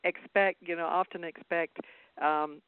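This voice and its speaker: A woman's voice: lowish voice, steady tone, a little slow, clean tone, no echo. Bubbly Southern woman on a phone line. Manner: bubbly, earnest, laughs easily. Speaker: guest speaker. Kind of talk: phone interview.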